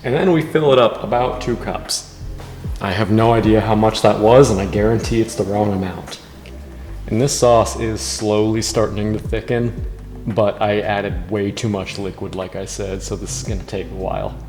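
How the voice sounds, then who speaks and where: A man's voice: fairly low pitch, steady tone, normal speed, darkish tone. A drunk man chatting casually as he hosts a cooking vlog in a kitchen, goofy and giggly, given to bursts of exclamation. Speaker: host of a drunk cooking video. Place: indoors in a kitchen. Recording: reverberant room, music behind.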